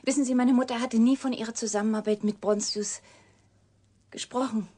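The actress's husky, warm voice is a little high and steady as she plays a reclusive, wounded young woman scientist in a German radio drama. The mood is sorrowful and intimate; guarded yet confiding, she speaks breathily and deliberately, often fading to a whisper.

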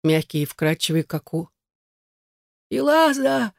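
An audiobook narrator with a mid-pitched voice, reading in a measured, dramatic way. The sound is dry and close. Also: fairly even intonation, darkish tone, no echo.

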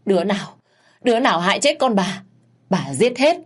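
A woman's voice: sing-song, moderate pace, husky. A woman voicing a grieving, furious older mother who wails and screams accusations in a storybook reading. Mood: wailing, furious. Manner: wailing, shrill accusations.

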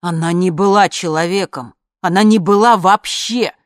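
A woman voicing a tense dead husband who insists and shouts in a storybook. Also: lowish voice, normal speed, dry recording, clean studio sound, natural voice. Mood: insistent.

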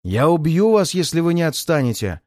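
Audiobook role: a man playing a haughty, quick-tempered gentleman, snapping and indignant, raised and sharp. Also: on the high side, sing-song, dry recording, clean studio sound, voice pushed up. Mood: angry. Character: arrogant, hot-tempered rich gentleman.

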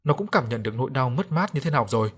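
Husky-voiced man telling a ghost story. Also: mid-range voice, expressive, very fast. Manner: acts out a grieving mother's pleading in raised voice. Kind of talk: scripted ghost story narration. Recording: faint music underneath.

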